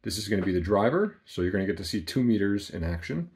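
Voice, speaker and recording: A man's voice: on the low side, big pitch swings, fast talker, a little mellow. A man casually demonstrating equipment in a small workshop, plain-spoken with frequent ums, speaking off camera. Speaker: amplifier builder demonstrating equipment.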